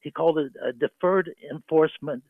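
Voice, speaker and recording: A man calling in to a radio show over a phone line, talking in a rambling, halting way with many fillers. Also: a little high, dry recording. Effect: phone-line caller on a radio show. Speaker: caller. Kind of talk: rambling call-in commentary.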